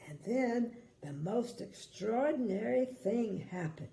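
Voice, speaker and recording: Sweet older woman, very creaky, reading slowly. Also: a little high, lively intonation, dark tone. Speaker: grandmother reading bedtime stories. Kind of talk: storybook read-aloud for small children, with asides. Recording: echoey room, faint background noise.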